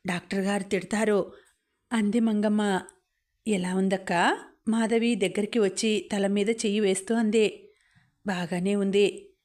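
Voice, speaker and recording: A woman narrating an audiobook story in a steady, even reading voice. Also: medium pitch.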